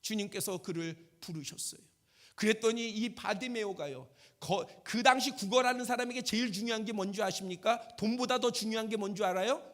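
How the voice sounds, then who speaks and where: A male pastor preaching a sermon in an emphatic way. He repeats his phrases and at times rises to a shout. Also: sits high, brisk. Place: church sanctuary.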